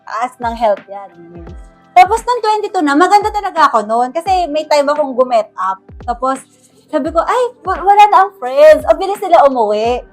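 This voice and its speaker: A woman's voice: high-pitched, brisk, faint music behind. A young Filipino woman animatedly telling the story of her proposal, acting out what she said. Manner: animated, acts out her own quoted lines. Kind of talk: casual storytelling.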